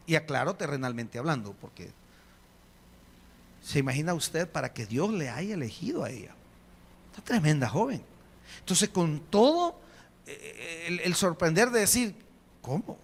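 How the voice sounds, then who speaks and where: A man, preaching a sermon as a pastor, emphatic, slowing on key phrases and putting rhetorical questions to the congregation. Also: a little high. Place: church hall. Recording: long reverb of a church hall.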